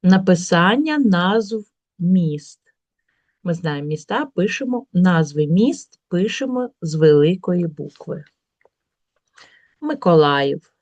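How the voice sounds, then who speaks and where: Slow, mellow-voiced woman teacher. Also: on the low side, animated, dry recording. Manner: slow, careful dictation of example words. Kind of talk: workbook lesson for schoolchildren. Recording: dull, lo-fi recording.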